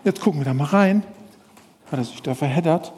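A high-pitched man presenting a live puppet show, lively and speaking straight to a crowd of children. His voice rings out in a large hall with a long reverb. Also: a little fast. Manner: lively, addresses the children directly.

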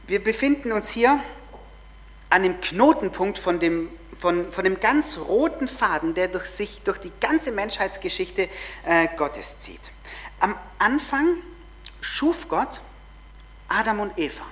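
An earnest woman preaching a sermon at a middle pitch. She stresses repeated phrases and at times sinks to a soft whisper for emphasis. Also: very animated, takes it slowly.

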